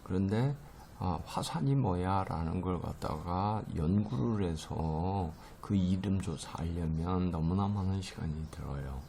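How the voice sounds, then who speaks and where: A man's voice: deep voice, unhurried, vocal fry, dark tone, a little hiss or hum. A middle-aged man teaching a recorded lecture, explaining terms patiently with many fillers and stressing English words strongly.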